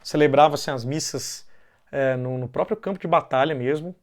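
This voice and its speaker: Speaking on the high side, a man with a Brazilian Portuguese accent explains things informally, often ending phrases with a questioning "né". He talks at a loose pace, pausing and restarting.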